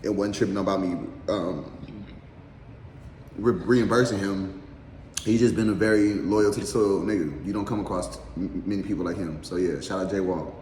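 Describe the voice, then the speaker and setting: His voice is deep and darkish, steady and moderately paced, as he hosts a laid-back mukbang and chats openly. He leans on heavy slang and swears freely. Everything rings out in an echoey room with long reverb and faint background noise.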